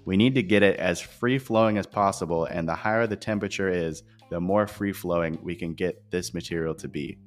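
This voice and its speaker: Low voiced guy hosting a podcast, explaining stuff to listeners, echo off bare office walls, music. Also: brisk, few pauses. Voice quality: echoing voice from a bare unfurnished room. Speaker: podcast host. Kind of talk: scripted podcast narration, informal. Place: new empty office without furniture. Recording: echoey empty office, music behind.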